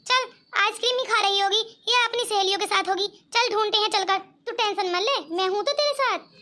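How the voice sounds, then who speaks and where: A woman's voice: very high-pitched, a little fast, bright, forceful tone. A woman voicing a bossy elderly mother-in-law in a cartoon comedy, scolding one moment and soothing the next.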